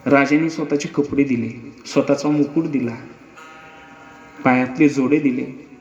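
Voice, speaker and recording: A man's voice: medium pitch, fairly even intonation, measured pace, darkish tone. Emphatic storyteller man in an echoey hall. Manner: emphatic, repetitive, rhetorical questions. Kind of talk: dramatic historical storytelling. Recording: echoey, muffled hall recording.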